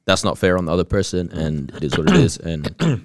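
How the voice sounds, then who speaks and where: Low-voiced young man with lively intonation. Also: fast talker, no room sound, clean studio sound. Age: young adult. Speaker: podcast panelist. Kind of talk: casual chat.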